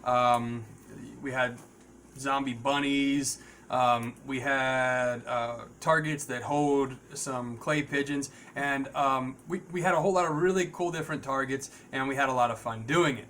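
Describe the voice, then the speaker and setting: Halting male podcast host, noisy background. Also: medium pitch, steady tone, a bit bright. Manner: halting, rambling delivery with repeated words. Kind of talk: casual, unscripted talk to viewers.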